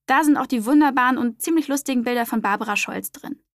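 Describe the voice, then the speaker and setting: Woman host wrapping up a story podcast, slightly high voice, chatty, dry sound. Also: quick pace, no room sound. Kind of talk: friendly outro announcement.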